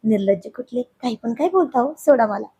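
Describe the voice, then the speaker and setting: Bashful young wife in a story scolding her man, husky, fairly high voice, the narrator doing her. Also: animated, brisk, mellow, full character voice. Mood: bashful protest. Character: shy protesting young wife.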